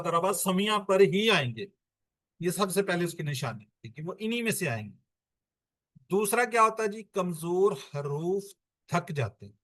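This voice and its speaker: Man, fairly high voice, teacher, step-by-step, asks and answers own questions, dry close sound. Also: fairly bright tone, dry recording. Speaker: Quran course teacher. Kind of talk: classroom-style lesson explanation.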